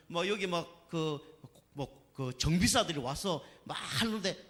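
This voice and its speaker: A man preaching a Sunday sermon in a church where the sound rings on with a long reverb. His voice sits fairly high and rises and falls in lively swings. He tells folksy stories and keeps asking the congregation for agreement. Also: takes it slowly. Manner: folksy, storytelling, asks the congregation for agreement again and again. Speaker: pastor. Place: church sanctuary.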